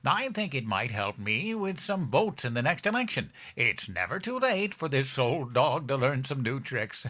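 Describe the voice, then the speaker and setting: In an audio sitcom, an actor plays an older American president who is childish, guileless and a doting husband, sounding earnest, excitable, pleased and eager. His male voice is medium-pitched at a normal speed.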